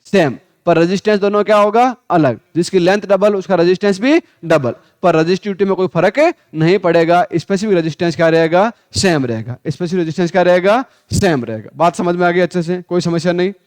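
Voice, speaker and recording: High-voiced Hindi physics teacher drilling students. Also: male voice, a little mellow, no echo. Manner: quizzes students, repeats answers, calls them 'beta'; reads English textbook lines slowly. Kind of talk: classroom lecture with call-and-response drills.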